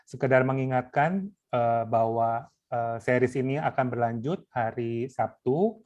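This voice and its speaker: A man's voice: medium pitch, measured pace, darkish tone, lo-fi sound. A man moderating an online panel, hesitant with frequent fillers as he wraps up. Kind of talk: closing a webinar.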